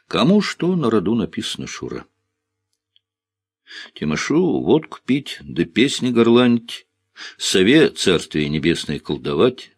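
A man voicing a hardened, defiant aging outlaw in an audiobook, husky and blunt. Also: deep voice, no room sound, studio quality, exaggerated voice. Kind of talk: audiobook character reading.

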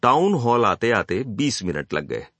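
A man narrates a literary novel, his pitch moving freely as the story builds. His voice sits at a middle height. The recording is dry and close to the mic. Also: unhurried, no room sound. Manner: expressive storytelling. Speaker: audiobook narrator.

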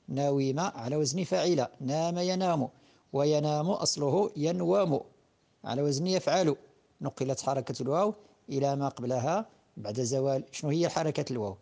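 A man's voice: fairly high pitch, vocal fry, warm tone. Patient Moroccan man teaching grammar. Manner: patient, repeats forms slowly with frequent drawn-out fillers. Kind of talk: classroom-style lesson.

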